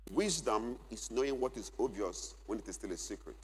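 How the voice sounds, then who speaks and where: A middle-aged man teaches at a church conference, stressing and repeating his key points. His voice is a little husky, and it echoes around a large hall with a long reverb tail. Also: lowish voice, lively intonation, fairly quick, a little mellow. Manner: emphatic, repeats key phrases for note-taking. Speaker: conference speaker.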